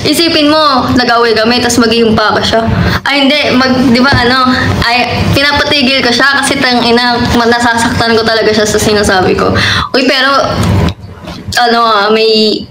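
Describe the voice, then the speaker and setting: Higher-voiced woman telling a story, laughing n cursing a lot, echoey room, noisy. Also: fairly even intonation, normal speed. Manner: laughing, swearing freely. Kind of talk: casual storytelling chat. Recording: echoey room with loud background noise.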